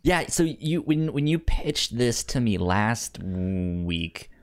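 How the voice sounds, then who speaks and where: A podcast co-host of unclear sex chats casually about films, often stammering and repeating words and syllables. The mid-range voice moves slowly with big pitch swings.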